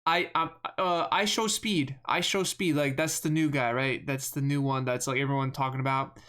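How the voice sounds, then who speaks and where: A game streamer talks through live gameplay in a monotone, rambling and poking fun at himself while repeating words often. The voice sits at medium pitch with normal speed and sounds clear and resonant.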